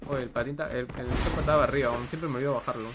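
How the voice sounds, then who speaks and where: A man's voice: mid-range voice, steady tone, rapid-fire, background noise. A young man, chatting casually while streaming a game and joking with his chat. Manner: rambling, joking banter with chat. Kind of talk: casual gaming livestream chat.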